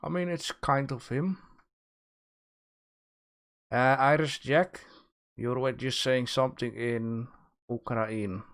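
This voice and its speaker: A man hosting a livestream gives art critique while chatting casually with viewers, rambling, joking with the chat and restarting his sentences haltingly. His voice is mid-range, steady in tone and a bit bright.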